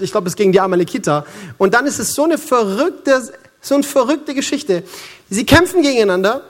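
A man with a Franconian accent preaching a sermon in a church, lively and joking as he talks straight to the congregation. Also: high-pitched. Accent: Franconian German. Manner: lively, joking and conversational, addressing the congregation directly. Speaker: pastor.

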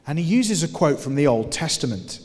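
A man's voice: on the high side, very animated, brisk, a little mellow. A man preaching a sermon, earnest and emphatic, putting rhetorical questions to his listeners. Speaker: pastor. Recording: long hall reverb.

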